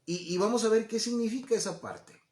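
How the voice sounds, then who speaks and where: Guy preaching a bible lesson, kinda high voice, chatty, echoey room. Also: fairly quick, a little mellow. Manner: conversational, acts out quoted voices, asks listeners "¿no?". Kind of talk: Bible teaching.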